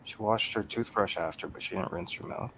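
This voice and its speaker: A man guesting as a reviewer on a movie radio show chats casually, tossing out dry, joking remarks in this bit of movie banter. His voice sits on the low side with a fairly bright tone and a slightly fast pace, against clear background noise and room ambience.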